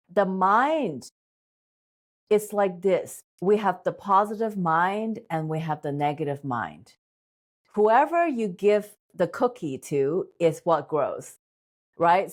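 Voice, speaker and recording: Woman guest, lower-pitched voice, upbeat and encouraging. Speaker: guest, acupuncturist. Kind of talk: interview talk.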